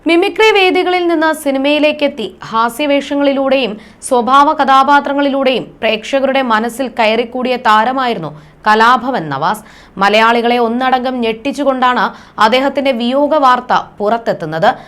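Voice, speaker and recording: A woman narrating a scripted news report in a formal, even read-aloud manner. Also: high-pitched, normal speed.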